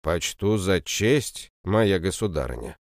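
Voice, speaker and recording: Dutiful guard captain, curt and solemn, read by a male narrator; low audiobook voice. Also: lively intonation, slow, dry recording, clean studio sound. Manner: curt, solemn military speech.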